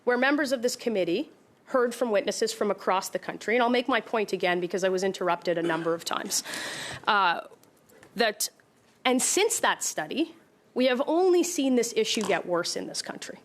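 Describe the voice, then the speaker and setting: A woman member of parliament arguing her point in a committee hearing, halting and repeating herself but insistent. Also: medium pitch, animated, a little hiss or hum. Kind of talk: committee debate.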